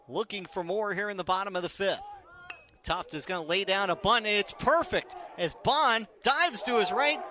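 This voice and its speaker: On live radio, an American man calls baseball play-by-play, staying measured between pitches and building up to excited calls on big plays.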